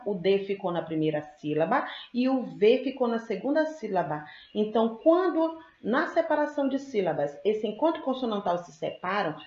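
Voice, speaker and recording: A female teacher giving a recorded grammar lesson, patiently explaining, checking in with the class and repeating example words slowly. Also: fairly high pitch, darkish tone. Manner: slows to spell out sounds and repeat example words. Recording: echoey, dull lo-fi sound.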